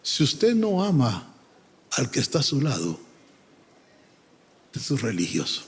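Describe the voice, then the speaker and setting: A man's voice: mid-range voice, huge pitch swings, a little slow, slight background noise. A man preaching a sermon with emphatic delivery, often calling out to his listeners as brother and breaking into sung lines. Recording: long hall reverb.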